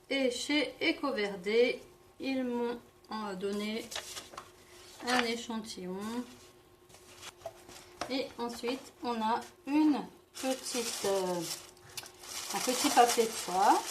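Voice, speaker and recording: Brief: woman, higher voice, unhurried, hesitant casual makeup review, frequent self-corrections. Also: background noise. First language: French. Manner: hesitant, stumbling over product names and self-correcting. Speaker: beauty vlogger.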